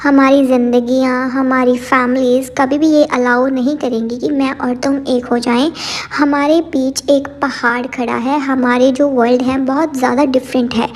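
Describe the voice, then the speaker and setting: A woman reading aloud the lines of a heartbroken young woman torn over a forbidden love, in a soft, pleading way. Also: sits high, level tone, moderate pace. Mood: sorrowful.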